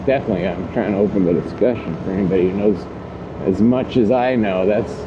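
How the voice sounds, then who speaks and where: A man's voice: lowish voice, fast. A man chatting casually to his viewers as a delivery rider, rambling and thinking aloud while riding a scooter outdoors. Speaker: delivery rider hosting his own video channel. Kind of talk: casual vlog chat while working. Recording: dull audio, loud outdoor road noise.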